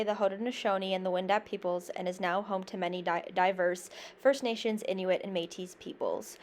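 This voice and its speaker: A young Canadian woman at university reads a prepared class presentation in a medium-pitched voice. She's earnest and careful, though small slips and restarts creep in.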